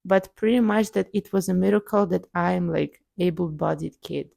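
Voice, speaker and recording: In a clean studio recording with no room sound, a fairly low, gravelly yet mellow female voice moves at a moderate pace. The speaker, a young adult Russian-accented vlogger and psychologist, tells her own story video-diary style, casual and full of fillers such as "um" and "like".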